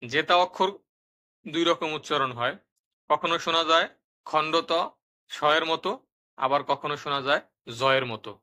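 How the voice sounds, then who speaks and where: A man narrating a step-by-step language lesson, explaining pronunciation rules and repeating each example word twice, slowly and clearly. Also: fairly high pitch, sharp tone. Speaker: language teacher.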